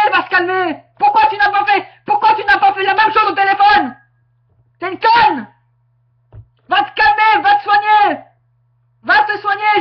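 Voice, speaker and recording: A woman ranting angrily into her webcam. She is confrontational and repeats herself, breaking into shouting. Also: very high-pitched. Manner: confrontational, repetitive, bursts into shouting. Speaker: webcam vlogger. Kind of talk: angry direct-to-camera rant. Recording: muffled webcam audio.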